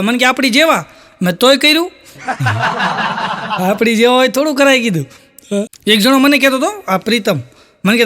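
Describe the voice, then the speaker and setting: This Kathiawadi-accented Gujarati man performs stand-up as a folk comedian, his very high-pitched voice sounding pushed and bright. Short anecdotes come one after another, quotes are flagged with recurring markers, and he returns again and again to his catchphrase.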